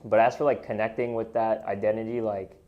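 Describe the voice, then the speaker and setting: Low-voiced young man musing aloud. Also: little pitch movement, brisk, highs cut off. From Pakistan. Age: 20s. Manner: reflective, rambling, hesitant. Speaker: podcast guest. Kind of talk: casual interview chat.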